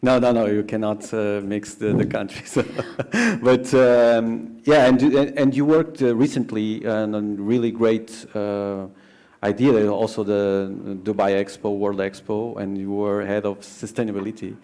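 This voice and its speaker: A man moderates a panel discussion, putting questions to the speakers in a casual, somewhat stumbling way. His voice is low, with a warm, mellow tone. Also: steady tone, measured pace.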